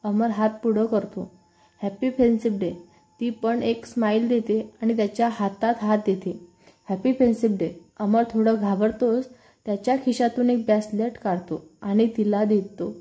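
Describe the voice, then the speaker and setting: A woman reading a story aloud in an even, unhurried scripted narration. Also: fairly high pitch.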